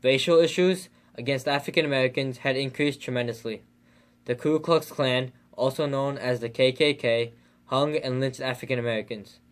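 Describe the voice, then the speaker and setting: A man reads scripted narration aloud. His voice is average in pitch and his delivery is plain and report-like. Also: steady tone, normal speed.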